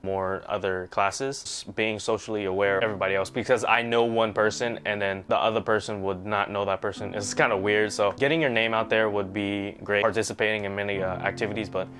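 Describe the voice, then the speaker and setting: A man's voice: on the low side, fairly even intonation, fairly quick, few pauses, a bit bright. A young man in a casual vlog, rambling through questions and school stories and tagging his sentences with "right?". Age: young adult. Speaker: vlogger.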